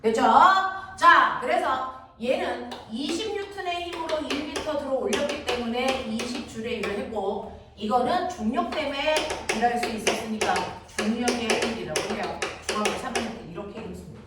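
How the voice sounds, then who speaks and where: A woman teaching a physics class, constantly checking that students follow with quick questions. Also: a little high, expressive. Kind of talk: classroom lecture. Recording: very echoey room, distant mic, audible noise.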